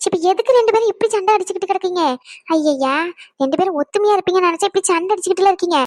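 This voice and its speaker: A woman's voice: very high voice, rapid-fire, no room sound. A woman voicing a fretful older mother-in-law who pleads with a quarrelling couple. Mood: fretting. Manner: pleading, scolding gently.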